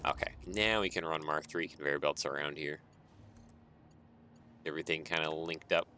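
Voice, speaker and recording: Deep-voiced tired man thinking aloud. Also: normal speed, slight background noise. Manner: thinks aloud, chuckles often, relaxed rambling. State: tired, yawning. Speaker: game streamer. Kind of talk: casual gameplay commentary. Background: soft background music.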